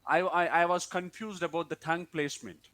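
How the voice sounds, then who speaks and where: A man's voice: on the high side, fairly even intonation, fairly quick, bright, forceful tone. A man who is not a native English speaker, answering interview questions in a hesitant way with restarts.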